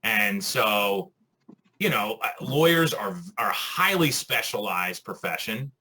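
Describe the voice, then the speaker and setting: A man co-hosting a podcast in casual chat, articulate and measured as he builds an argument. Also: fairly low pitch, expressive, pushed and bright, slightly rough, poor audio. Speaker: podcast co-host.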